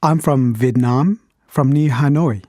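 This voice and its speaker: A man's voice: mid-range voice, unhurried, dark tone, no echo, clean studio sound, lightly acted. A man playing a thoughtful man from Vietnam. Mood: reflective. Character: man from Vietnam working in communications. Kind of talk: scripted textbook interview.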